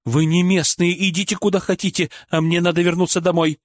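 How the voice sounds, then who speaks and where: A man's voice: sits high, little pitch movement, brisk, no echo, clean studio sound, pitched above the performer's own voice, lightly acted. A man reading an audiobook, voicing an angry, bitter woman, a former shop clerk and mother, who hurls accusations and insults. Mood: bitter, furious. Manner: harsh, accusing, shouting insults.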